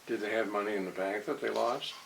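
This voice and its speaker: Gravelly male interviewer over faint hiss. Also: fairly low pitch, fast, fairly bright tone. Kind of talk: conversational interview questions. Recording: hissy, noisy background.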